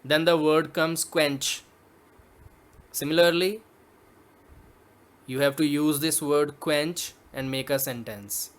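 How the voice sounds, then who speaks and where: A male teacher from Punjab in India, explaining a poem to students in a slow, deliberate classroom manner. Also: fairly high pitch, fairly even intonation.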